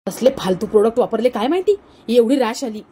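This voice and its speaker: A woman voicing a domineering, short-tempered middle-aged mother-in-law who barks orders, in a soft, mellow, fairly high voice. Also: animated, quick pace, slight background noise, lightly acted. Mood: bossy, scolding. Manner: scolding, bossy.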